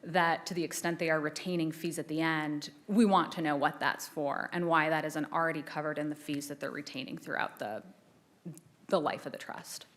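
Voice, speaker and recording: A woman attorney presenting an oral argument in a courtroom, measured and formal, answering the judges' questions with occasional restarts. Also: low-pitched, steady tone, a bit bright. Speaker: assistant attorney general arguing an appeal.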